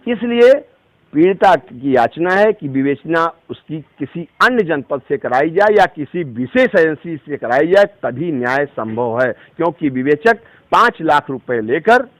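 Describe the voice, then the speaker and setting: In a dry recording, a man whose voice sits on the high side talks in a sing-song way, a touch slowly. He is an advocate recounting a victim's complaint in a phone interview, using formal and emphatic legal language.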